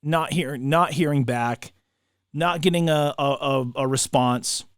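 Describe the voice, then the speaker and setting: A man co-hosting a casual podcast, telling stories in a slangy, excitable way with repeated words. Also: fairly high pitch, measured pace, smooth, dry recording, clean studio sound. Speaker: podcast co-host; broadcaster. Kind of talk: casual chat.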